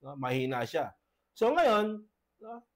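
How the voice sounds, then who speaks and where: High-voiced halting pastor with a cough. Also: male voice, very animated. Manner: halting, many tag questions. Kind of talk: debate presentation.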